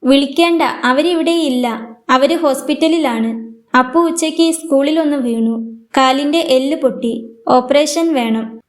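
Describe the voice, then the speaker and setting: Woman voicing a fierce protective young woman. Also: high-pitched. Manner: firm, scolding.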